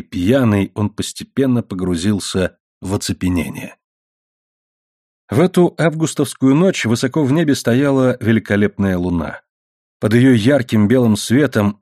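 A man narrating a novel as an audiobook, reading in a measured, steady way. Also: medium pitch, dry recording, clean studio sound. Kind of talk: scripted narration.

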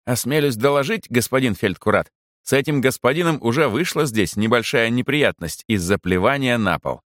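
A man's voice: medium pitch, animated, normal speed, a bit bright, no echo, clean studio sound, voice pushed up, lightly acted. A man voicing a good-natured, overly obedient soldier orderly who speaks with formal military politeness. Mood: dutiful.

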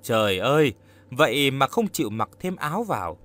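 A caring old grandmother of a remote village, as a male narrator reads her, fussing and gently scolding with lively rises and falls. Her talk swings in pitch as she coaxes and warns. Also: normal speed. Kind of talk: audiobook character reading.

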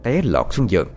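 Man telling a ghost story. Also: fairly low pitch. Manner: dramatic, expressive.

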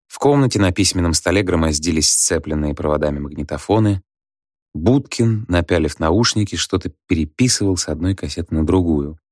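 Male narrator, deep voice, dead-dry booth sound, measured audiobook reading. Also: dry recording. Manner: dry, even, low reading.

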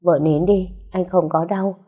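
Reading an audio story, a woman voices a devoted young husband who speaks gently and reassuringly in a tender mood. His low, mellow tone is close to her own, steady and unhurried with a breathy edge.

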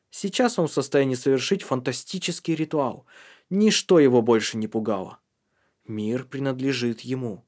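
A man narrates an audiobook in a tense, dramatic reading voice at a middling male pitch. His delivery is scripted and steady, carrying the suspense of the story.

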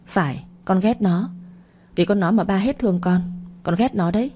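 A woman's voice: medium pitch, normal speed, warm tone, husky, natural voice. A woman voicing a jealous, spoiled young daughter who talks in a whiny, spiteful way.

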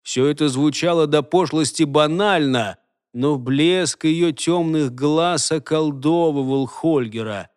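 Clear, expressive male audiobook narrator. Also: on the high side, takes it slowly, dry recording, studio quality. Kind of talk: scripted narration.

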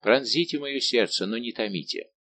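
A man's voice: medium pitch, normal speed, fairly bright tone, slight background noise, natural voice. A man reading an audiobook, voicing a devoted young nobleman count who speaks with respectful firmness. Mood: earnest.

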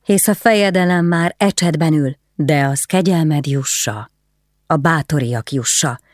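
Brief: stern, weary nobleman, read by the narrator, grave and hushed, close dry audiobook sound. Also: a little high, no echo, natural voice. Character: grieving stern nobleman, duty-bound, weary.

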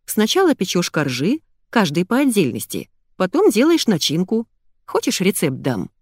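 A woman voicing a bossy, energetic young woman who scolds and gives orders. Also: on the low side, dry recording, clean studio sound. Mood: chirpy. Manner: brisk, commanding, scolding.

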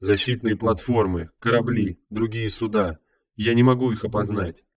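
Audiobook: male narrator voicing a clipped female tech-priest, low and dry. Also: normal speed, no echo, lightly acted. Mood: tense. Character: female techno-priestess, terse and mechanical.

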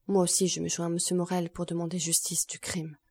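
Woman reading as stern doctor, loud, remorseful, dark, flat. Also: on the low side, brisk, slightly rough. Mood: forceful. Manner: forceful, loud.

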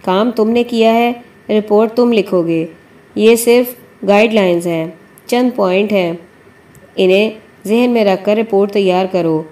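Woman doing an older male editor, chain-smoker, coaxing, bossy, mellow tone. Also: mid-range voice, natural voice. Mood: instructing. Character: older male newspaper editor, chain-smoking, brisk and fatherly.

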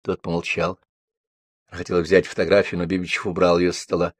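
A man reading the stage directions of a play in a calm, low-key way. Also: a little fast, dry recording. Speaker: audiobook reader. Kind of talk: scripted narration of a play.

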